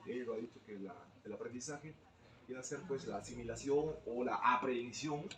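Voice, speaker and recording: A man's voice: mid-range voice, moderate pace, fairly bright tone, roomy sound, distant mic, a little hiss or hum, low-quality recording. A male teacher speaking up in a training session, explaining things at length and often ending phrases with a tag question.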